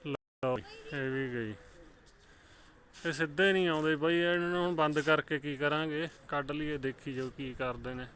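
A man's voice: a little high, steady tone, normal speed, fairly bright tone, a little hiss or hum. A man in a casual vlog, coaxing his pigeons with repeated calls and talking to viewers. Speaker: vlogger. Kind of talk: casual vlog narration while handling pigeons.

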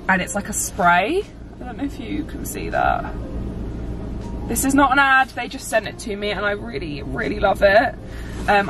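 A woman's voice: mid-range voice, background noise. A chatty young woman from England, vlogging casually to a camera on the dashboard of her parked car. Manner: chatty, bubbly and self-mocking. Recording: music playing in the background.

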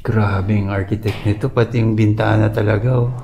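A man narrating a tour and asking curious, excited questions as he goes. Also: fairly low pitch, moderate pace, highs cut off. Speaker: vlogger touring a house. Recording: video clip with clear background noise.

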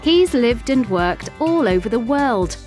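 A woman reading scripted documentary narration in a measured, clearly enunciated way. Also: a little high, very animated. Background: background music.

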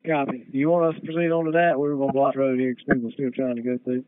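A fire engine crew officer on a two-way radio, trading clipped call signs and replies. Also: male voice, medium pitch, flat delivery, racing, clean tone, no room sound. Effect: two-way radio transmission. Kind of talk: terse fire radio traffic. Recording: tinny two-way radio with hiss.

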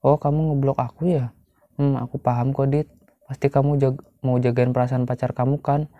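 A man reading a gentle young ex-girlfriend's lines from a story game, in a plain, slightly raised voice. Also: mid-range voice, flat delivery, normal speed, no room sound, natural voice. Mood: understanding. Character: young woman, gentle ex-girlfriend, soft-spoken. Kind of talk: reading game dialogue aloud.

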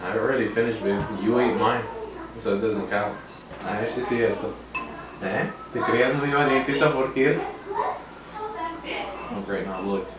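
A man's voice: fairly low pitch, normal speed, long pauses. A young man chatting casually in a teasing, boastful way during a food challenge. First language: bilingual English and Spanish. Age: young adult. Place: small bedroom, sitting on a bed. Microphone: camera a few feet away. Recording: very echoey bedroom, distant mic, faint noise.

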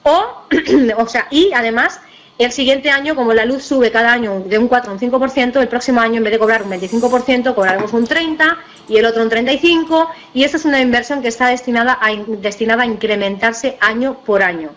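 A woman from giving a persuasive sales pitch over a slideshow, with many fillers, restarts and rhetorical questions. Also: quick pace, a bit bright, poor audio. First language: Italian. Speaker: network marketing presenter.

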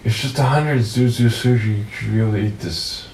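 A man's voice: on the low side, fairly quick, a little mellow. A young man sleep talking, mumbling slurred, rambling phrases, recorded overnight by a phone beside his bed. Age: young adult. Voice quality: mumbled, indistinct speech. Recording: noisy, echoey overnight phone-app recording.

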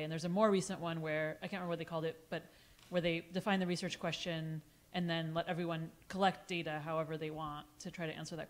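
Woman panelist, low and casual. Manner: quick, casual, laughing asides. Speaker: panelist, seminar teacher. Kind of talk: panel discussion. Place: conference room. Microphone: handheld mic.

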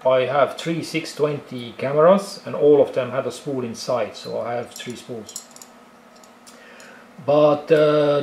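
A film photography hobbyist with an Estonian accent casually explains film cameras step by step in a tutorial, using many fillers and restarts. His voice is fairly high and a little mellow, recorded with reverb and slight background noise.

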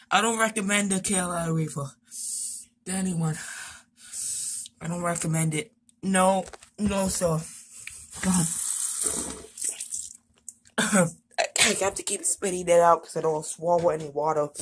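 A woman vlogging casually while in burning pain from a hot pepper, stammering and halting with many fillers. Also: lowish voice, a little hiss or hum. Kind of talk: casual vlog.

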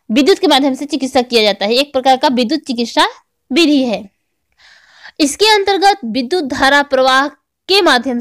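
A woman with an Indian accent and a high-pitched voice teaches an explanatory exam-prep lecture as an online physical education teacher. She repeats and rephrases key points, and the studio audio is clean with no echo.

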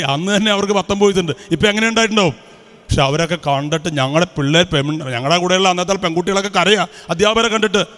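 High-voiced preacher man in echoing hall. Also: a bit bright. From Kerala. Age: 50s. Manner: quizzes the audience with repeated questions. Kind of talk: lively religious talk to schoolchildren. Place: large hall with student audience. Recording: reverberant hall.

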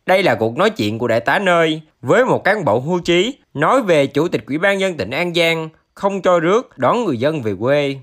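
High-pitched man narrating news, lively intonation. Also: fairly quick, few pauses. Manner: formal, reading from a script.

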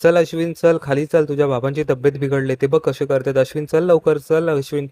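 A man's voice: fairly high pitch, fairly even intonation, a little fast, mellow, lightly acted. A man voicing a frantic mother. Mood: urgent. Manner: urgent, pleading. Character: frantic middle-aged mother rousing her son.

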